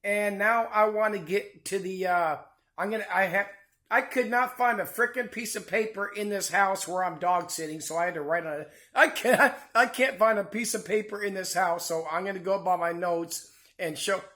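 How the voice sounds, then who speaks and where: A sharp, bright-sounding voice delivering an angry, profane rant. The vlogger rambles, stops and restarts sentences, and swears freely while running through commentary at home. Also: mid-range voice, moderate pace. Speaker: channel host. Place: house, indoors.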